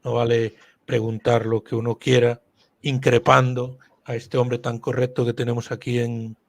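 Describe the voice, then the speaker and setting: A man hosting a live-stream talk, relaxed and jokey. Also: mid-range voice, normal speed, creaky. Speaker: host.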